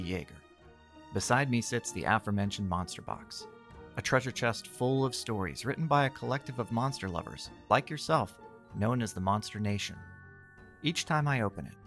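A man's voice: on the low side, creaky, a bit bright. A man hosting and narrating an audio story collection in a theatrical storyteller manner. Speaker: host and narrator.

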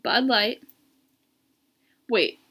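A young woman in her twenties, co-hosting a casual podcast chat and asking quick, playful questions. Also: fairly high pitch, sharp tone. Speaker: podcast co-host.

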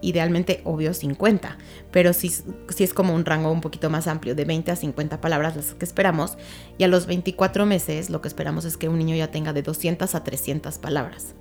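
A woman's voice: sits low, fairly even intonation, fairly quick, a little mellow, faint music behind. A woman speech therapist, patiently explaining with examples and checking that her listener follows. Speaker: child language therapist. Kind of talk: explanatory interview talk.

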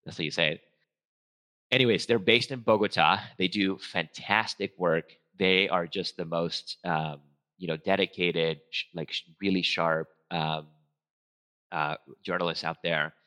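Low, bright-voiced man. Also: fairly even intonation, measured pace. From Venezuela. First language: Spanish. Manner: rambling, full of fillers and restarts; conversational, self-correcting. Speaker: guest speaker, research trainer. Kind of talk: casual stage talk.

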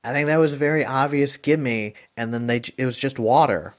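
A man's voice: medium pitch, brisk. A man hosting a casual podcast movie review, rambling and hesitant with lots of ums and likes, chuckling now and then.

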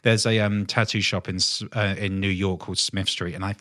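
A man's voice: sits low, flat delivery, fairly quick, fairly bright tone, dry recording. A man hosting a podcast, chatting casually with his wife and rambling through his points with restarts and the odd swear. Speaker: podcast host, tattooer. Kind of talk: casual chat.

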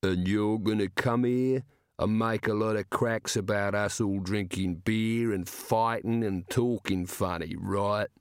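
A man reads a hulking pub brawler with a deep, slow, threatening drawl. His words come heavy and deliberate. The recording is close and dry. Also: steady tone, clean tone, dry recording. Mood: menacing. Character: slow menacing giant male drinker.

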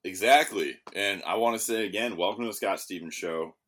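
A man's voice: low-pitched, fairly quick, a bit bright. A man hosting a podcast in casual chat, rambling and swearing as he restarts his sentences. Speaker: podcast host. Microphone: studio microphone.

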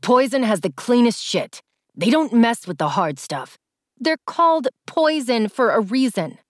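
A woman's voice: a little high, very animated, measured pace, dry recording, studio quality. A woman voicing an angry young man who sneers and talks through clenched teeth. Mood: sneering, angry.

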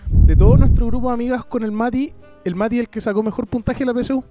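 A man's voice: very high voice, steady tone, fast talker, warm tone, soft background music. A young Chilean man hosting a podcast over a call, joking, laughing often and swearing casually. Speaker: podcast host.

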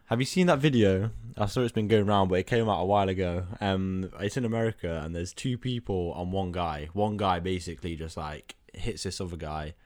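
Low-voiced young man chatting. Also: fairly quick, few pauses, a little mellow, dry recording, clean studio sound. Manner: rambling, joking, tells stories. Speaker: podcast co-host. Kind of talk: casual chat. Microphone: handheld mic.

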